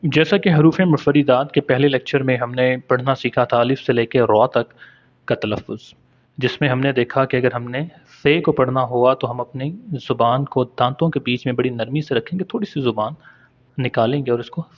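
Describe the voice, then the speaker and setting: Guy teaching quran letter sounds, drags out each sound slow and patient, kinda dull lo-fi audio. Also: mid-range voice. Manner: patient, stretches Arabic letter sounds for practice. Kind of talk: spoken lesson with drawn-out letter demonstrations. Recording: dull lo-fi recording.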